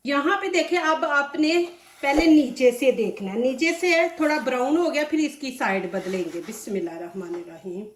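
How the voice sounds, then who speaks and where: Her throat sore and dry, a woman hosts a cooking channel from her home kitchen, walking viewers through each step in a chatty, instructive way and frequently saying "see this". She sounds high-pitched and animated at a moderate pace, with slight background noise, a distant mic, and room echo.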